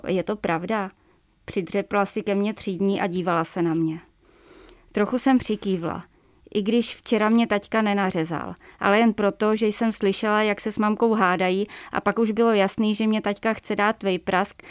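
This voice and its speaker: A woman's voice: mid-range voice, smooth, dry recording, studio quality. Woman author reading her prose aloud. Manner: measured, even reading with small slips. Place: radio studio.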